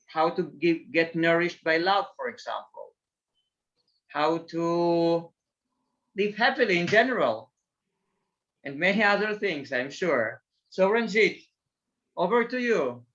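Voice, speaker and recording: A man facilitating an online group call, introducing the session slowly with many fillers. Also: on the high side, animated, a bit bright, dull audio. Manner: slow, halting, with many fillers. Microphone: video call.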